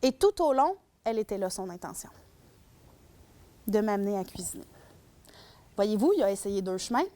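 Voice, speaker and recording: A woman's voice: mid-range voice, expressive, moderate pace, long pauses, warm tone. A woman with a Québécois accent giving a public lecture as a shelter worker on domestic violence. She speaks animatedly and acts out scenarios. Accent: Québécois French.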